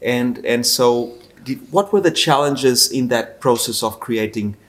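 A man's voice: medium pitch, unhurried. A man hosting a podcast interview, conversational and asking leading questions. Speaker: podcast host.

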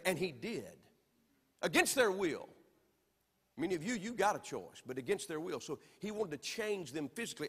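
A pastor from Alabama with a Southern accent preaches a sermon in a high voice, the sanctuary's long reverb lingering after each line. He shifts between loud, emphatic declarations and soft, quiet passages.

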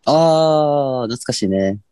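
A man's voice: mid-range voice, lively intonation, slow, warm tone, smooth. A man in his twenties with a Kansai accent, chatting casually as co-host of an amateur radio show. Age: 20s. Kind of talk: casual banter.

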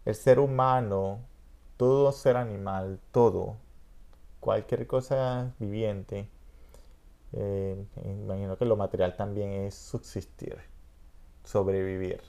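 Venezuelan male podcast host, middle-aged; low, gravelly, reflective talker. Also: steady tone, slow pace, mellow. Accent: Venezuelan Spanish. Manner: reflective, rambling, frequent "¿entiendes?". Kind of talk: casual conversation.

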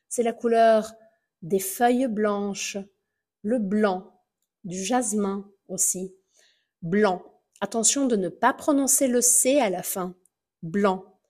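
A woman hosts a language-learning podcast as a teacher. She talks at a gentle, unhurried pace in a mid-range voice. She repeats key words carefully so listeners can say them back. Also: mid-range voice. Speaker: French teacher and podcast host.

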